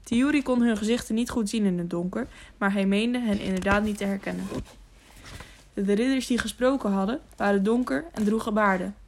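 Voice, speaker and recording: A woman narrating an audiobook with calm, steady storybook narration. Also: mid-range voice, brisk, a little hiss or hum.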